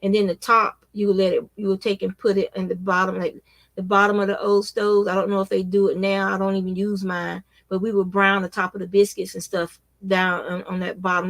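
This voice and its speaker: Woman in her fifties with a gravelly, dry voice. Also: medium pitch, dry recording. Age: 50s. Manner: rambling, with frequent restarts and small laughs. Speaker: crochet vlogger. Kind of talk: casual reminiscing while crocheting.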